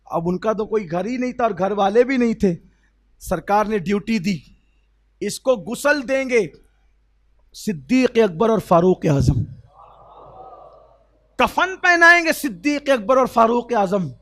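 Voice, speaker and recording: High pitched guy preaching, urdu accent, gets loud then goes soft, keeps asking the crowd questions. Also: expressive, long pauses. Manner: emotional, swells to loud exclamations and drops to soft; asks the audience rhetorical questions. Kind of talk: sermon storytelling.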